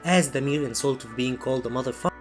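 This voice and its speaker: A man reading scripted video essay narration in a serious, measured storytelling manner. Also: medium pitch, faint music behind.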